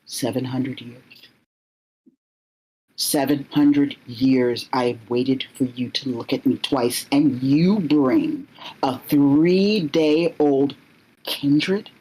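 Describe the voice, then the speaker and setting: A woman's voice: extremely low pitch, extremely slow, mellow, breathy edge, full character voice. A woman voicing a jealous, centuries-old male vampire official who speaks formally and stumbles when cornered. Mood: furious.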